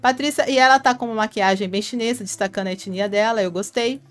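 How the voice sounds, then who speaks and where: A woman with a Brazilian Portuguese accent keeps a quick pace in a fairly high voice, reading viewer comments aloud and chatting to fans by name on her casual live stream. Her laughter comes often, captured on a headphone mic with faint music behind.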